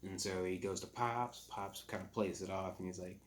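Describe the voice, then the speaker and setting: A man casually recapping a movie plot for a review, rambling and halting, with frequent fillers and self-corrections. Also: deep voice, steady tone, a little hiss or hum.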